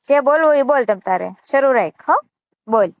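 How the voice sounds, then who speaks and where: With an animated, high-pitched voice at normal speed, a channel creator argues on a call in a Saurashtra Gujarati accent, repeatedly chiding the other person. The phone recording is muffled, with no echo.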